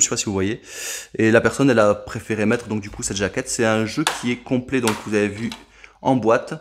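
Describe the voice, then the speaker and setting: A man casually chatting at home, showing off games he collected, with lots of fillers and asides. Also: medium pitch. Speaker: game collector showing purchases.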